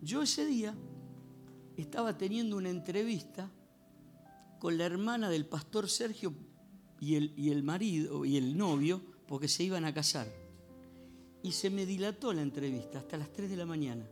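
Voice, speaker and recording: A male pastor, preaching a sermon in a church with animated storytelling and questions to the congregation. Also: sits high, normal speed, faint music behind. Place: church sanctuary.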